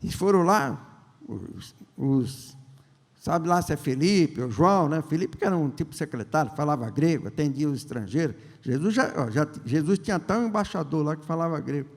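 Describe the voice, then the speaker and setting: Older man, bishop preaching, high voice, long church reverb. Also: expressive. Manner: conversational, joking, asks the congregation questions; acts out the characters' lines in quick voices. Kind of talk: sermon. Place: large church hall.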